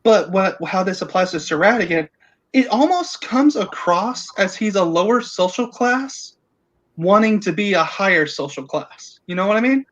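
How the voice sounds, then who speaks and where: A man in his thirties hosting a casual film discussion, haltingly rephrasing as he thinks aloud. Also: high-pitched, lively intonation, a bit bright, dull audio. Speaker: podcast host.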